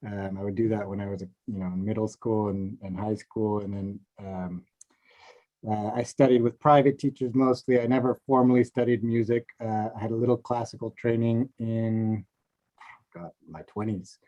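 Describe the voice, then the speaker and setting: A middle-aged man from Seattle, a film composer, telling his story in a relaxed, rambling way over a video call. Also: fairly low pitch, normal speed. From Seattle, USA. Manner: relaxed, rambling with many fillers. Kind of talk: casual video-call chat. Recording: dull lo-fi call audio.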